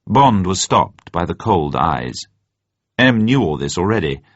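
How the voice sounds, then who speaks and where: A low-voiced man narrates scripted drama with measured, formal phrasing, his pitch swinging expressively and sing-song from phrase to phrase. The recording is dry, dull, and slightly muffled.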